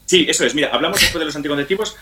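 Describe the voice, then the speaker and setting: A crowd can be heard behind this middle-aged Spanish man, whose slightly high voice races along. As a guest speaker on family and sex education, he explains conversationally in an interview, repeating phrases in a teacherly way to stress them. The room is echoey and the sound roomy.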